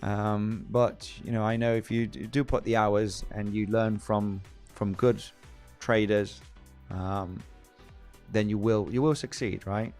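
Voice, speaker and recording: Male livestream host, deepish clean voice, rambly, soft music behind. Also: level tone, slow. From Spain. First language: Spanish. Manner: rambling, frequent restarts, reads viewer comments aloud. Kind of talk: casual livestream chat.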